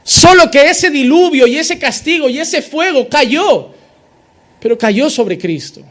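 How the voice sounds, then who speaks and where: High-voiced man preaching a fervent sermon. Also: animated, unhurried, fairly bright tone. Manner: preaches with rising insistent repetition, acting out quoted believers. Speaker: pastor.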